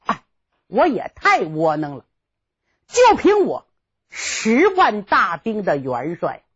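A woman voicing a proud young male general lamenting in a low, sighing voice, on a dull lo-fi recording. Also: bright, forceful tone, husky, heavily acted. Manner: low sighing inner monologue.

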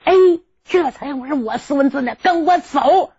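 A woman's voice: moderate pace, creaky, darkish tone. A woman voicing a cunning old grandfather general who blusters and scolds in a storytelling performance. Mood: scolding. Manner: blustering, lowered voice. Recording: dull lo-fi recording.

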